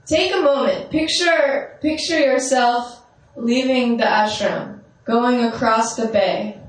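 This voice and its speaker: A spiritual teacher with a strong, carrying, fairly high voice leads a meditation slowly, guiding listeners through visualizations and checking in with them often. She speaks without a microphone in a large, echoey meditation hall, so her voice sounds distant, off-mic and wrapped in roomy echo.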